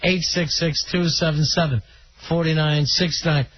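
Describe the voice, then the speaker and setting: A man's voice: a little high, fairly even intonation, a little slow, a little hiss or hum. A man hosting a call-in radio show, chatty and opinionated, taking callers on the line. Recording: dull lo-fi radio broadcast.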